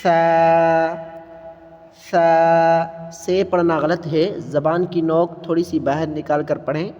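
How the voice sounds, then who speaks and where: A man teaching how to pronounce letters, stretching each sound slowly and plainly correcting mistakes. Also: on the high side, steady tone. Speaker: Quran reading teacher. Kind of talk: slow letter-by-letter pronunciation lesson. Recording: long reverb, dull lo-fi sound with soft music.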